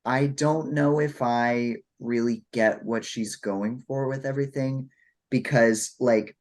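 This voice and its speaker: A man's voice: medium pitch, steady tone, slow pace. A man with a sassy, campy drag-queen delivery, chatting casually as a review show co-host. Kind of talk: casual panel review chat.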